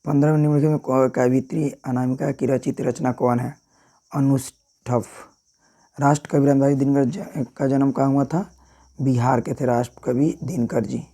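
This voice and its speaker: A man's voice: medium pitch, fairly even intonation, moderate pace, mellow. A man, talking through exam answers as a teacher in a casual way and often checking in with "thik hai" and "right".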